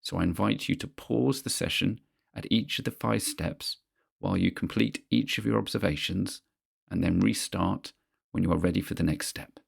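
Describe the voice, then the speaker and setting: Guy doing a guided grounding exercise, really gravelly husky voice, measured and instructional w/ pauses. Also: sits low. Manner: measured, instructional, pausing between phrases. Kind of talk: guided mindfulness exercise, scripted narration.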